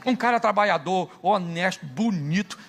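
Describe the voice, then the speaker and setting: A man's voice: high voice, expressive, normal speed, fairly bright tone. A middle-aged man with a Brazilian accent, a pastor delivering a humorous sermon and acting out the dialogue of his stories. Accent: Brazilian Portuguese. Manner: jokey storyteller acting out dialogue.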